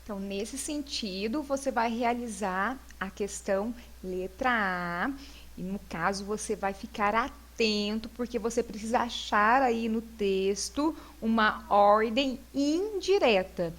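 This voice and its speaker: A woman's voice: mid-range voice, unhurried, fairly bright tone. A female teacher with a Brazilian Portuguese accent, going through homework answers in a recorded lesson and explaining each point step by step. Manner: patient, explains step by step with frequent "né".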